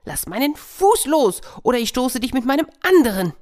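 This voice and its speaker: A woman voicing a boastful, tricky male hare in a told fairy tale, shrill and loud. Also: sing-song, moderate pace. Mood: shrill threats. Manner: shrill, pleading and cocky.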